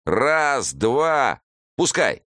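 A brutal male bandit from an audiobook thriller, jeering and coarse, his voice pitched high and strained above the reader's own deep tone, as a narrator puts him on. He barks out his lines loudly in a dry, close sound. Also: big pitch swings, a little slow, dry recording. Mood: gloating cruelty. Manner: jeering, coarse, shouted orders. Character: cruel male Russian thug, brutal bandit.

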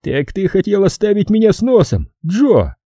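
A man reading an audiobook, voicing a cold, domineering male casino boss who speaks calmly and curtly. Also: sits high, moderate pace, slightly rough, dry recording, clean studio sound, voice pushed up, exaggerated voice. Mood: menacing. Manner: calm, menacing and curt.

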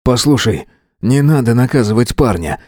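A man's voice: medium pitch, animated, moderate pace, a little mellow, no echo, close to an everyday voice. A desperate middle-aged male teacher, as a male narrator voices him, pleading urgently for the violence to stop. The voice is close and dry.

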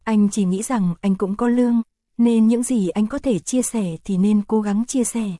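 A woman voicing a patient, caring young man in an audio story, spoken calmly and gently. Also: medium pitch, a little slow, no echo, studio quality, close to an everyday voice. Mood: gentle.

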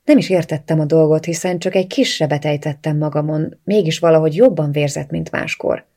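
A reader narrating a first-person novel in a quiet, subdued way. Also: medium pitch, steady tone.

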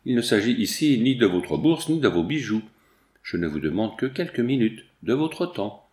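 A man's voice: mid-range voice, sing-song, moderate pace, a little mellow, lightly acted. A man voicing a huge, mustached, indignant husband who talks in a blustering, insistent way, read in an echoey room.

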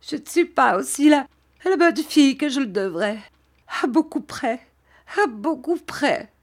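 A woman's voice: sits high, animated, measured pace, voice pushed up. A woman voicing a tearful, remorseful young woman who pleads through sobs in an audiobook. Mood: remorseful sobbing.

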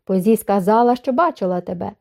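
A woman's voice: medium pitch, a little fast, gravelly, mellow, close to an everyday voice. A woman voicing a spiteful, gloating middle-aged stepmother in an audiobook. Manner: gloating, hissing.

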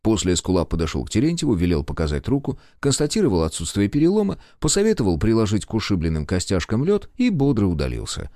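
A man narrating an audiobook in an expressive storytelling manner. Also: lowish voice, fast, hardly any pauses, no room sound, studio quality.

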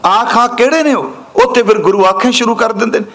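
High-voiced man preaching scripture commentary. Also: fairly bright tone. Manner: chants quoted verses slowly, then explains in brisk speech; addresses listeners directly as an audience. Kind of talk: katha sermon expounding scripture.

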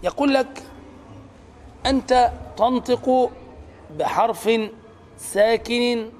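High-voiced sheikh teaching tajweed. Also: male voice, a little mellow, slight background noise. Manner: explains slowly, stretches out words and demonstrates sounds. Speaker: Quran recitation teacher. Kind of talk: tajweed lesson.

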